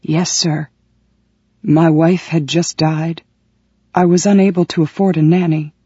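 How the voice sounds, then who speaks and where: A man's voice: fairly high pitch, little pitch movement, a little slow, mellow, husky, no room sound, dull audio. A reader voicing a grieving man, his voice pinched with pain and guilt, in an audiobook. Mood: pained, guilty. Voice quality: pinched, strained. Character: pained grieving male widower, guilt-ridden. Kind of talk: audiobook reading.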